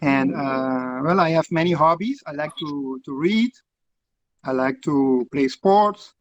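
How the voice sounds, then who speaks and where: Slow, higher-voiced man on a call. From Curacao. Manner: slow, hesitant, many pauses. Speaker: club member. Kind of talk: casual chat on video call. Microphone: video call. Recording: dull lo-fi call audio.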